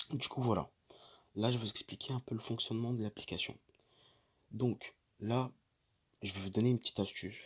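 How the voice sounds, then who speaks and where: A man's voice: on the low side, slightly rough. A man giving a casual walkthrough of a phone app, chatty and loose, often backtracking to correct himself. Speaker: YouTuber demonstrating a money app.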